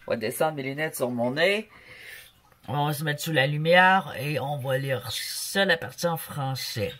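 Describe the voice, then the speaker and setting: A Canadian craft vlogger with a Québécois French accent reads a paint label aloud at home, chatting and joking casually in a relaxed product review while her pet bird makes noise. Her voice sits low, slightly bright and unhurried, with a little background noise.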